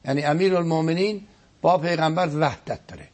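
A man speaking as a guest cleric, giving an earnest, emphatic religious lecture on a broadcast program and often repeating his words for stress. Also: fairly high pitch. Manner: earnest, emphatic preaching with repetitions.

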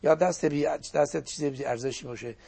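An older man, a cleric whose first language is Azerbaijani Turkish, telling religious stories in an animated preaching manner with a husky, gravelly voice. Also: on the high side. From Turkic-speaking region of Iran. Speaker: cleric guest speaker. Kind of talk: religious storytelling talk.

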